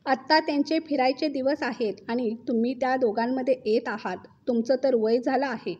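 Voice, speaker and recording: A woman's voice: high voice, steady tone, normal speed, darkish tone, breathy edge, lo-fi sound. A woman voicing a quarrelsome middle-aged mother who accuses and scolds her daughter's in-laws. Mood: accusing.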